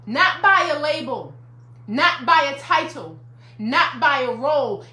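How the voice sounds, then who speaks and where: A counselor and life coach in her fifties delivers an emphatic, repetitive motivational talk to a livestream audience. Her high-pitched voice sounds pushed and bright, and the room is echoey.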